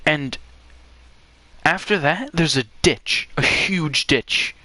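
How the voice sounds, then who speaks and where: A young man hosting a podcast, telling a story in casual chat with lots of swearing and shouted reenactments. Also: fairly high pitch, takes it slowly, dry recording. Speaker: podcast host.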